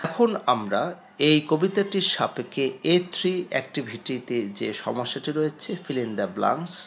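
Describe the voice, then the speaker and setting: Male teacher, Bengali accent, slow emphatic drilling, gravelly, lively pitch. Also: slight background noise. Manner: slow, emphatic word-by-word drilling, addressing students directly. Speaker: English teacher. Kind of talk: classroom lesson explaining English pronunciation.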